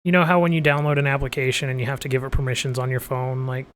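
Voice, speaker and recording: A man with a mid-pitched voice chatting casually on a podcast in a laid-back way, often trailing off. A faint hum of background noise sits under his voice. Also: little pitch movement, fast, fairly bright tone. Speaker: podcast co-host.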